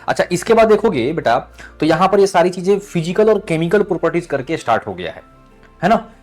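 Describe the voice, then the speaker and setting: A male chemistry teacher giving an exam-prep lesson, calling students "beta" and checking in with "thik hai?" after each point. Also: on the high side.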